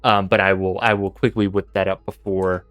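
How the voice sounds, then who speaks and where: A man running a tabletop game as game master, talking casually and haltingly as he thinks aloud. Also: sits low, flat delivery, a bit bright. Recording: faint music behind.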